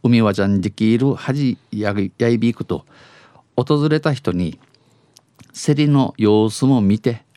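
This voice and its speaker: A man's voice: medium pitch, measured pace, warm tone, no room sound. A man with an Okinawan accent reading news phrase by phrase, alternating standard Japanese with Okinawan dialect and often restating lines. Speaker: news reader on a dialect news segment.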